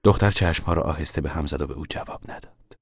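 Deep, husky male narrator. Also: no room sound. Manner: measured, steady storytelling. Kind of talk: scripted narration of a radio drama.

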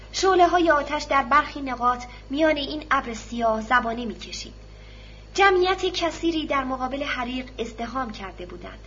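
A woman narrating a novel in a steady, formal reading style. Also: high-pitched. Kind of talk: audiobook narration. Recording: slightly dull recording, faint hiss.

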